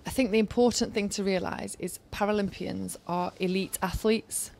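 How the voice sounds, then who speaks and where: Speaking at medium pitch and normal speed, a gravelly-voiced woman from Yorkshire, in her thirties, gives earnest, advice-filled interview answers in a steady stream. She used to work on Olympic organising staff, and there's slight background noise.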